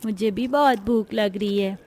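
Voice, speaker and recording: A woman voicing a poor, hungry little girl who speaks softly and plaintively in a cartoon story. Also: medium pitch, a little slow, natural voice. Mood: wistful. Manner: soft, plaintive. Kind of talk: cartoon voice acting.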